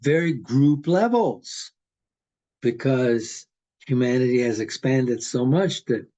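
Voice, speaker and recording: A man in his eighties from Hungary, talking in a slow, rambling, philosophical way in casual conversation. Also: medium pitch, expressive, warm tone, low-quality recording. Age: 80s.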